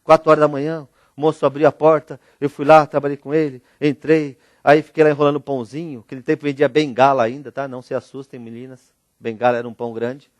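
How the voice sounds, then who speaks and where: A middle-aged man from Brazil giving a motivational talk, telling personal stories in an animated, joking way and speaking straight to the audience. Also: mid-range voice, fast, no echo. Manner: animated, jokey, addresses audience directly. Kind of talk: storytelling keynote talk.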